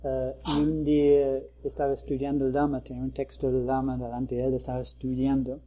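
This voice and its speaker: A male Buddhist teacher giving a talk, pausing often as he finds his words. His voice sits at a middling pitch. The recording is slightly dull and lo-fi. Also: monotone. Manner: measured, hesitant, with frequent pauses. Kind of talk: dharma talk.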